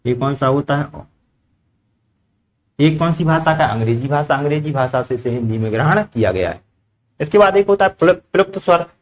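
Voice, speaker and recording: A man teaching a grammar class, his voice sitting a little high for a man. He keeps firing questions at the room and echoes the answers back to the students. He talks in the steady rhythm of a classroom lesson. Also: normal speed, pauses often. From India.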